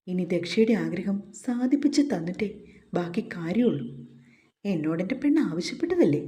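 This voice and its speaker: Mellow woman reading a story. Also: fairly low pitch. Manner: steady, even storytelling. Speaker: story narrator. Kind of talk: scripted story narration.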